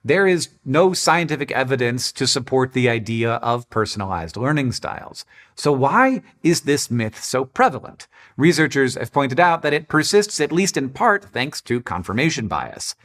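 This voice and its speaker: A man hosting a scripted educational show, explaining with emphatic, lively delivery. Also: medium pitch, normal speed. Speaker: host.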